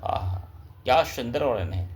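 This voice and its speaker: A man's voice: mid-range voice, sing-song, unhurried, slight background noise. A man giving a devotional scripture discourse as a pandit, speaking reverently and chanting Sanskrit verses.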